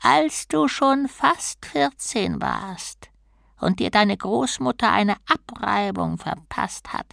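A woman's voice: medium pitch, animated, takes it slowly, gravelly, fairly bright tone, no room sound, studio quality, voice pushed up, exaggerated voice. A woman doing a sarcastic, petulant tortoise god. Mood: knowing. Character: grumpy male god stuck as a small tortoise. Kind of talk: audiobook character voice.

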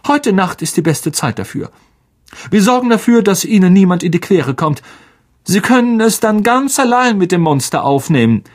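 A man's voice: high voice, animated, normal speed, darkish tone, husky, voice pushed up. A man voicing a stern older female teacher in an audiobook reading, grave and commanding. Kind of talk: audiobook character voice.

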